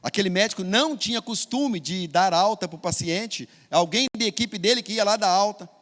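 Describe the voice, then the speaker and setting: High-voiced Brazilian preacher. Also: male voice, moderate pace, a bit bright. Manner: dramatic storytelling, emphatic. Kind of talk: storytelling sermon. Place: church sanctuary. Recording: long church hall reverb.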